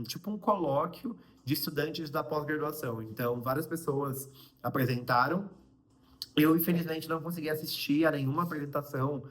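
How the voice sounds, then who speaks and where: A man's voice: medium pitch, fairly bright tone. A young man from Brazil with a Brazilian Portuguese accent, chatting casually to his viewers in a vlog, full of fillers and asides. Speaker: vlogger.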